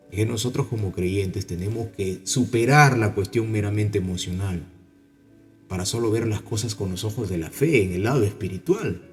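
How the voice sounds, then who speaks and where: A man with a Peruvian accent preaching a sermon, telling stories and acting out the voices of the people in them. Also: fairly low pitch. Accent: Peruvian Spanish. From Peru. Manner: animated storytelling, acting out voices. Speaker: pastor.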